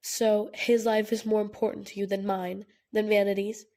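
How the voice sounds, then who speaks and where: A woman voicing a blunt, sharp-tongued young man in an audiobook, harsh and challenging. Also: mid-range voice, flat delivery, moderate pace, close to an everyday voice. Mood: pleading, harsh.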